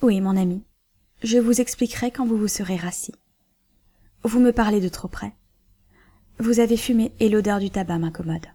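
A woman reading the part of a cool, dignified banker's wife who schemes calmly. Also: medium pitch, normal speed, pauses often, natural voice. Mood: composed.

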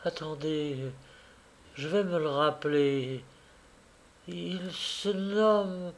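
A man's voice: on the high side, very slow, a little hiss or hum. A man reading a story aloud, voicing a terrified frail woman accused of murder, who speaks in strained, frightened tones and fading murmurs. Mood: faint, fading. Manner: strained, fearful, fading whispers.

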